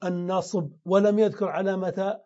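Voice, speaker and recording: A man's voice: high voice, flat delivery, normal speed, dark tone, lo-fi sound. A man teaching grammar in a classroom lesson, explaining step by step and answering his own questions.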